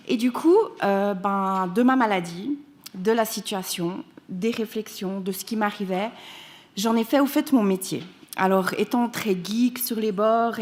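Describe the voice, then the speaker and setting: A woman from Canada gives a conference talk in a hall, earnest and emphatic, sometimes stumbling and restarting a phrase before pressing her point. Her voice sits at an ordinary pitch for a woman. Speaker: patient advocate speaker.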